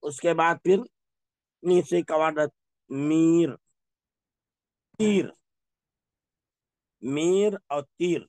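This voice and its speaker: A man teaching an Urdu reading class, drilling words slowly, repeating each one and asking the class questions. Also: a little high, a little mellow, no room sound. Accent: Pakistani Urdu. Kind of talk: Urdu reading lesson, drilling word pronunciation.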